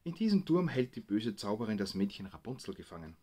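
Brief: man reading as a calm mother telling a fairy tale, gentle, melodic delivery. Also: lowish voice, fast talker, husky.

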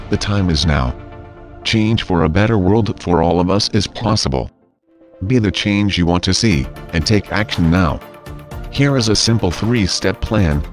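Man, deep pitch, measured solemn narration, scripted message, music clearly behind.

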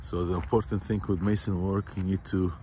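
A man walking a construction site and explaining the work in plain, halting, repetitive phrases, recorded on a handheld phone outdoors. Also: low-pitched, little pitch movement, dark tone, slight background noise. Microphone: phone camera held by the speaker.

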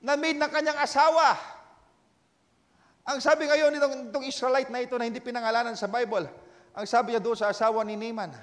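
A male pastor preaching a sermon in Tagalog and English, swinging between shouted exhortation and hushed storytelling, with frequent amens. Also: very high-pitched, fairly even intonation, a little fast, big-room sound. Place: church.

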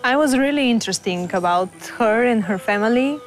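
A woman's voice: on the high side, lively intonation, a little fast, soft background music. A woman from Bulgaria, with Bulgarian as her first language, interviewed outdoors in a garden, searching for words in English, with a lapel mic. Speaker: model.

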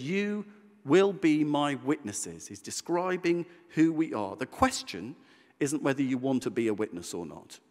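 A man preaching a sermon in a conversational, animated way, with self-deprecating humor. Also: fairly high pitch. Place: church. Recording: church hall reverb.

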